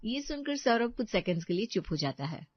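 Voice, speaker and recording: Woman narrating an animated story. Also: on the high side, brisk, no room sound. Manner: warm, engaging, addresses listeners. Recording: dry, slightly dull lo-fi audio.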